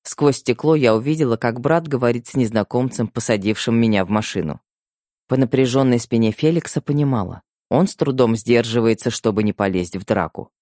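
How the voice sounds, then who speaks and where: A man narrating a novel in an expressive storytelling manner. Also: mid-range voice, fairly quick, no echo, studio quality. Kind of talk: audiobook narration.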